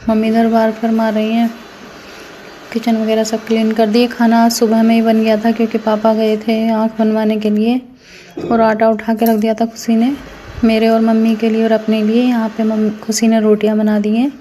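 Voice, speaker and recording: A woman's voice: on the high side, completely flat delivery, moderate pace, mellow, a little hiss or hum. A woman narrating a casual family vlog at home, chatting to viewers as friends while feeling unwell. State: unwell, tired. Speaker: family vlogger.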